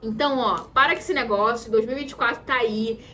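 A woman's voice: fairly high pitch, fast, pushed and bright, a little hiss or hum. A Brazilian woman giving an emphatic motivational talk as a mentor, repeating her key phrases for stress. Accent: Brazilian Portuguese. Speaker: women's mentor.

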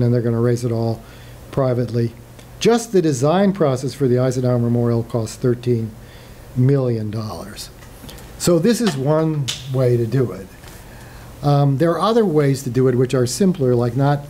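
A man's voice: medium pitch, dark tone, a little hiss or hum. An older man giving a public lecture with slides, speaking conversationally with frequent fillers and restarts. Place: lecture hall.

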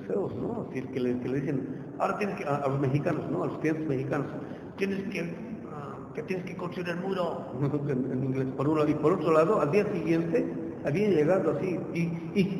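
A man lecturing a class in a casual, conversational way, always checking that his listeners follow. His voice sits fairly high for a man. It rings out with a long, roomy hall echo, over a faint hiss in the background. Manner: checks on listeners with constant tag questions. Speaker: university lecturer. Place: lecture room.

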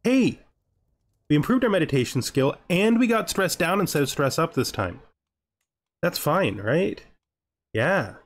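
A man hosting a gaming video chats casually to himself while playing a strategy game over background music. His fairly high voice is very animated, but he keeps a measured pace broken by long pauses.

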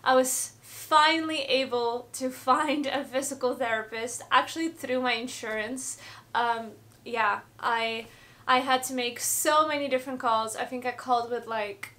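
A woman's voice: high voice, fairly even intonation, a little slow, sharp tone. A woman in her twenties chatting casually to camera in a vlog, recorded in a bedroom. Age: 20s. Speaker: vlogger, roller skater. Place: bedroom, indoors.

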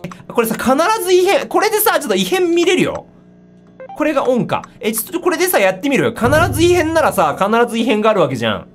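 A woman giving excitable commentary on a horror game, easily startled, often exclaiming and repeating her words. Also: high-pitched, fast talker. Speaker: game streamer. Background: music.

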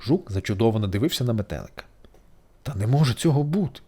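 A storyteller reading a bedtime fairy tale aloud in an expressive, sing-song manner. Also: medium pitch, fast talker, husky.

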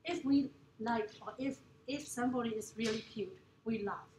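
Speaking at normal speed in a slightly high voice, a woman from Myanmar whose native language is Burmese presents informally in a classroom, often breaking into laughter between phrases. She has a Burmese accent and faces an audience in an indoor room. The echoey, noisy audio was picked up at a distance from the microphone.

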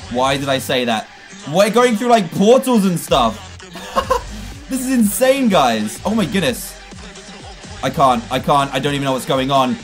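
A young man giving excited gameplay commentary as a gaming YouTuber, shouting and yelping at every fail and win. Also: on the high side. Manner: excitable, shouts and yelps at fails and wins.

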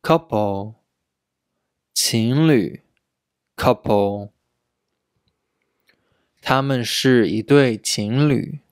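Slow, deliberate man drilling English words. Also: medium pitch, clear, resonant tone, no room sound, studio quality. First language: Chinese. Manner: repeats each word and sentence several times, slow and deliberate. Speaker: English teacher. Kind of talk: slow repeated pronunciation drills.

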